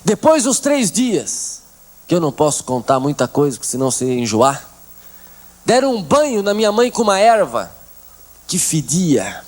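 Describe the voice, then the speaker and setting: Man, thirties, comic testimony storyteller; higher voice, lively swooping delivery, quotes others with put-on voices. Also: normal speed. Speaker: testimony speaker. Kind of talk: humorous church testimony. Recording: 1990s.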